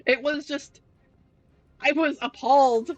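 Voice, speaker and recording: A young woman chats casually on a game stream, looping through fillers, restarts and little laughs. Her voice sits a little high and sounds dry and close to the mic. Faint game music plays underneath. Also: fairly even intonation, takes it slowly, dry recording, muffled recording. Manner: chatty storytelling, many fillers and restarts, laughs often. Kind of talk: casual rambling chat while gaming.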